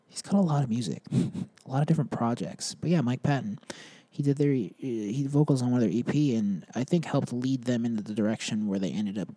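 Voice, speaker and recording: Young male podcast host, casual rambling music chat, mellow tone, dry booth sound. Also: medium pitch, husky, dry recording. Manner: rambling, filler-heavy, laughs at himself.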